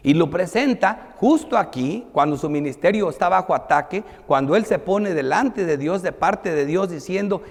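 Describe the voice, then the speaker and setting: A male pastor with a high voice preaches a sermon, alternating between reading Bible verses and explaining them. He speaks emphatically, declaiming some phrases and softening on others, and the long reverb of a large hall surrounds his words.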